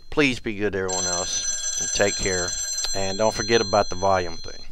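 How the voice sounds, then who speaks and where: A man hosting his own video, talking in a meandering casual monologue that repeats itself and trails off softly. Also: deep voice, steady tone, normal speed, background noise. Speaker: conspiracy video host.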